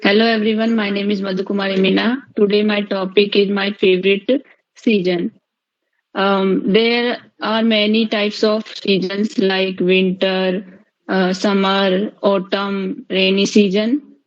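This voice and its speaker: A woman student giving a practice speech, pausing often with "uh" while searching for words. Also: mid-range voice, level tone. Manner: full of "uh" fillers, searching for words. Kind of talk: short prepared speech for speaking practice. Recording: muffled lo-fi classroom recording.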